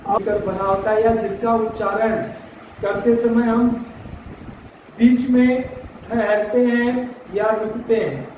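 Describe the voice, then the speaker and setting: Slow, high-pitched teacher in an echoey room. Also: male voice, little pitch movement, darkish tone, recorded from a distance. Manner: slow, spells words letter by letter. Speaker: English teacher. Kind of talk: classroom grammar lesson. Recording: echoey room, faint traffic noise.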